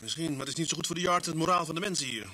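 An actor playing a steady police inspector who narrates, terse and firm, in an old radio drama. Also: male voice, fairly high pitch, very fast, slight background noise. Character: steady male police inspector, worried family man. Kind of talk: 1970s Dutch radio drama acting.

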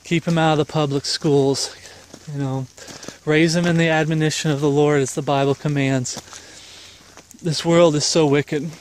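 This recording, made on a phone held at arm's length, follows a middle-aged street preacher along a foggy woodland trail. His voice is a little high with a flat delivery and moderate pace, and his rambling sermon is earnest and exhorting, with fillers and slight background noise.

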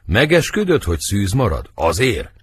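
A man reading the part of Benvolio, Romeo's loyal young friend, with an earnest, husky delivery for an audiobook. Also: on the low side, wildly swooping pitch, a little hiss or hum. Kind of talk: audiobook verse drama reading.

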